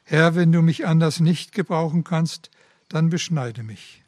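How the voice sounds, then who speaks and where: A man voicing a humble bamboo tree in a read-aloud parable, pleading and then speaking in a hushed voice. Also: on the high side, unhurried, no room sound, studio quality, natural voice.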